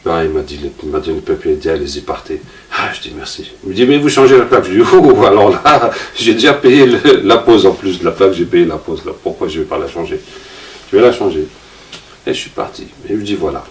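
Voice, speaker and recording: A man's voice: sits low, animated, a little fast. A man giving an informal religious talk. He tells a personal story, acts out the dialogue and asks rhetorical questions. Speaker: preacher. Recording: roomy, distant mic, faint noise.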